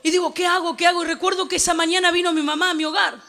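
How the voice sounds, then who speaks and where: A woman preacher with an Argentine accent, giving a fervent Pentecostal sermon in a church, shouting often and breaking into tongues. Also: very high-pitched, flat delivery, very fast, vocal fry. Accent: Argentine Spanish. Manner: shouts, bursts into tongues, retells with emotion.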